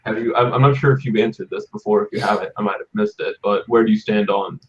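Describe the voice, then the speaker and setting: A man's voice: fairly low pitch, steady tone, quick pace, far from the mic. Man interviewer with a dull, lo-fi sound. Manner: rambling, hedging questions. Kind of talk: casual interview questions.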